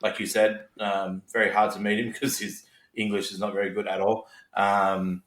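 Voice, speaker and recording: A man with a fairly low voice gives casual podcast opinions, reflective and a little hesitant. The sound is noticeably roomy and echoey. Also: little pitch movement, normal speed, a bit bright. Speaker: wrestling podcast co-host. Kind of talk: casual chat.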